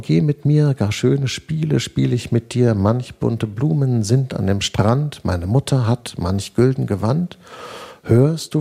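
Soft-spoken elderly persuader in an audiobook, voiced by a man: low-key, coaxing, dark husky tone. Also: exaggerated voice. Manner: quiet, coaxing. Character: aging male mentor, soft-spoken, persuasive.

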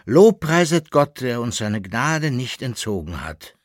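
A man's voice: on the low side, big pitch swings, a little slow, a bit bright, no echo, studio quality, exaggerated voice. A man voicing a solemn elder proclaiming blessings in a storybook reading. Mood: jubilant. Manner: ceremonial, declaiming.

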